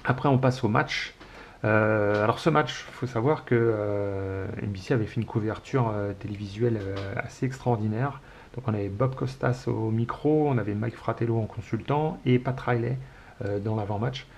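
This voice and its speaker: Gravelly low-voiced French host. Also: male voice, normal speed, darkish tone. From France. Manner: rambling, many hesitations, fond and nostalgic. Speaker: show host. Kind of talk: casual solo retro sports chat. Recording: dull home recording with faint hiss.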